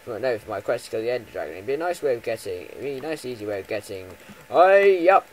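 A man chats his way through a Minecraft let's play, rambling and correcting himself as he goes. His voice swings widely, jumping from loud bursts to trailing mumbles. A faint hiss sits under the recording. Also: on the low side, lively intonation, very fast, poor audio. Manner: rambling, chatty, with lots of ums and self-corrections. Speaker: gaming YouTuber.

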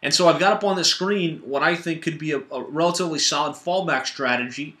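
A man's voice: fairly high pitch, pushed and bright, reverberant. A man narrating a slide-based marketing training course, giving direct, emphatic advice with repeated instructions.

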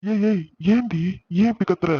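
A man's voice: sits high, moderate pace, slight background noise, close to an everyday voice. A man voicing a playful, teasing young husband in a cartoon. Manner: playful, mock-innocent. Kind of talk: cartoon voice acting. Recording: slightly dull lo-fi sound.

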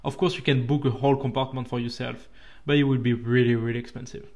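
A man with a French accent, a native French speaker, narrating his own train trip report in a relaxed, chatty way that turns a little halting at times. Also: medium pitch. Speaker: railway vlogger.

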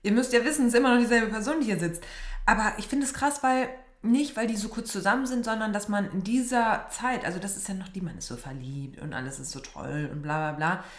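Young female reaction host, casual gushing commentary in a roomy space. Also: fast talker. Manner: chatty, gushing, swings high when excited. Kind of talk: casual commentary on a reality show. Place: small decorated room indoors.

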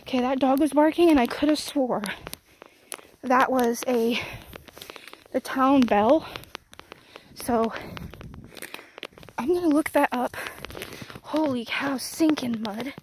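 A woman's voice: high-pitched, takes it slowly, long pauses, a little mellow, a little hiss or hum, rough recording. A young woman vlogging as she walks through the woods, out of breath and rambling to her viewers. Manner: rambling, talks to viewers while walking. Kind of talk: walking vlog in the woods. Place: outdoors in woods.

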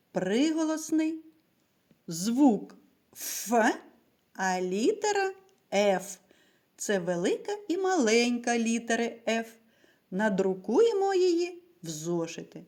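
A woman teacher giving a recorded lesson to young children, speaking slowly and clearly and answering her own questions. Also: on the high side, a little mellow. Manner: slow, carefully articulated, asks and answers her own questions.

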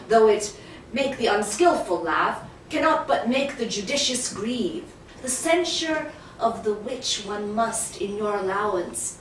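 A woman reciting the role of Hamlet, a young prince earnestly coaching actors, in measured, declamatory verse that often drops to a hush. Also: mid-range voice, a little hiss or hum, natural voice. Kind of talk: Shakespeare stage recitation. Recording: very echoey room, distant mic.

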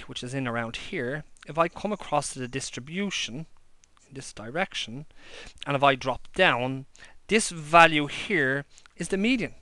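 In a dry recording, a man with a bright, forceful, mid-range voice teaches maths as a lecturer, drawing on paper at a desk and explaining each step simply. It's a handwritten whiteboard-style lesson captured by an overhead camera.

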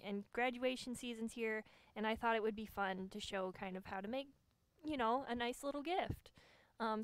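A young woman co-hosting a workshop, demonstrating software in an easygoing, self-deprecating way with lots of ums. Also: fairly high pitch, smooth, dry recording. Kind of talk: casual instructional talk.

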